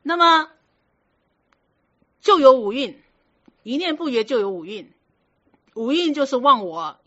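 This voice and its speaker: Unhurried and high-pitched, with lively intonation and a fairly bright tone, a woman gives a Buddhist dharma talk as a teacher. She instructs her students firmly in a conversational manner, posing rhetorical questions as she explains. The recording is muffled and lo-fi.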